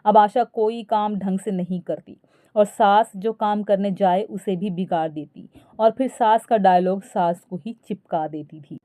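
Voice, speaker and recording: A woman narrating a moral family story in a steady storytelling manner. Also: medium pitch, unhurried, no room sound.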